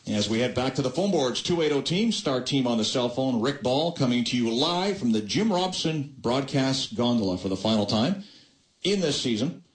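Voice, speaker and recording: A man hosting a post-game call-in show with a smooth radio host delivery, brisk and measured as he recaps and takes calls. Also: medium pitch, expressive, echoey room, rough recording. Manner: brisk, measured, recaps then hands off to callers.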